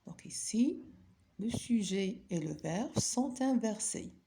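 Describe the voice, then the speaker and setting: A woman's voice: medium pitch, animated, slow pace, mellow, a little hiss or hum. A woman teaching a grammar lesson, patiently asking her pupils questions and then answering them herself. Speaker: French teacher.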